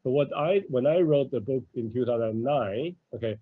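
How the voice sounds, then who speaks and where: A man's voice: medium pitch, normal speed, no room sound. Hesitant middle-aged man lecturing. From mainland China. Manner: hesitant, many fillers and "okay"s. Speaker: professor giving a talk. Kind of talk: academic lecture. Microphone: video call. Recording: dull lo-fi video call audio.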